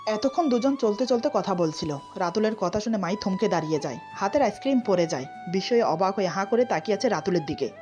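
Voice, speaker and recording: A woman with a Bengali accent narrates a romantic story, reading every character's lines in her own voice and dropping slightly lower for the men. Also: expressive, fast, hardly any pauses, a little mellow. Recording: slightly dull recording with faint music.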